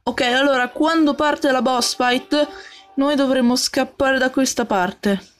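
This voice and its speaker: Gaming host, female, bright higher voice, slow unhurried delivery, jumpy with little yelps. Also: soft background music. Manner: jumpy, talks to the game character and viewers, frequent yelps. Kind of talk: let's play commentary.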